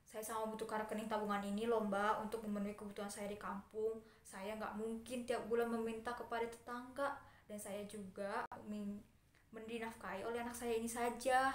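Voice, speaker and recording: A woman's voice: fairly high pitch, close to an everyday voice. Woman acting as an insistent mother, echoey room. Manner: complaining, pleading, informal. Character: insistent, pleading mother visiting from out of town. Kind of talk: amateur role-play. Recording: echoey room with background noise.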